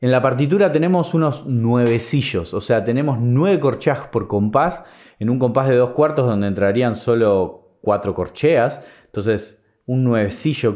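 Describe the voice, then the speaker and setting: A man's voice: medium pitch, a little mellow. A man teaching a step-by-step charango lesson, counting beats aloud and singing the rhythm as he explains. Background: plucked charango.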